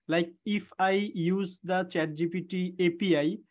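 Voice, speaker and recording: A man's voice: high voice, steady tone, measured pace. A male student on a conference call gives a hesitant, polite course review full of filler sounds. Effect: conference call audio. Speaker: student in a coding bootcamp. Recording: dull lo-fi call line.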